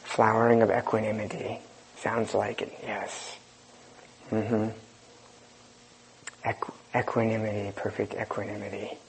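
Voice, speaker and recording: Slow gravelly soft-spoken man. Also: on the low side, monotone, slight background noise, low-quality recording. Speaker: dharma teacher. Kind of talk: group dharma discussion.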